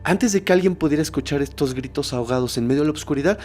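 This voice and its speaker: A man hosting a horror podcast, telling a story in a suspenseful way, dropping to a hush and rising again. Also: fairly high pitch, fast talker, soft background music. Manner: suspenseful, shifts between hushed and raised tones.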